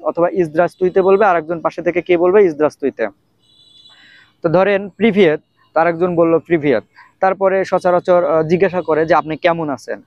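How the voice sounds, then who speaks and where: A man teaching a casual video language lesson, explaining slowly and repeating words with many fillers. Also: on the high side, no room sound, dull audio. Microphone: camera facing speaker.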